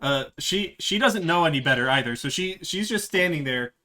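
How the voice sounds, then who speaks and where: A man narrating a tabletop game as game master, halting with many fillers and restarts. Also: a little high, animated, sharp tone.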